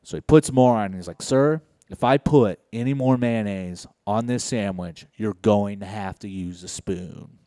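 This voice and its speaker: A young man from Indiana doing a stand-up set on a comedy club stage, deadpan and low-key with sudden loud outbursts. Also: normal speed, hardly any pauses, no room sound.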